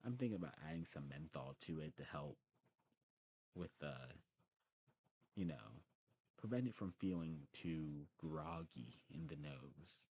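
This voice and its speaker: A man's rumbling low, mellow, husky voice moves a little slowly, with lively intonation and long pauses. The ASMR performer plays a friendly demon snuff shopkeeper, knowledgeable and enthusiastic, rambling and self-correcting in casual recommending chat.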